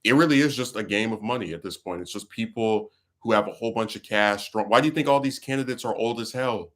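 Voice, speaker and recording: A man hosting a casual talk stream vents his frustration about politics, rambling through fillers and restarts. His lowish voice is a bit bright, and he talks fast.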